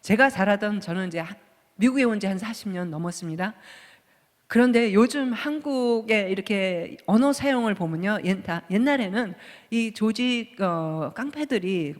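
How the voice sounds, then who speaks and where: A Korean woman pastor in her fifties giving a conversational sermon, asking the congregation rhetorical questions. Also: on the high side. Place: church sanctuary. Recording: long church hall reverb.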